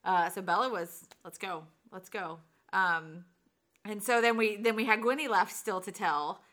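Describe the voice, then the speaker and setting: A woman telling family stories in a casual conversational way, animated and expressive, acting out what each person said. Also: mid-range voice. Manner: animated, expressive, quick to act out dialogue. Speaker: mother sharing a family's mission call.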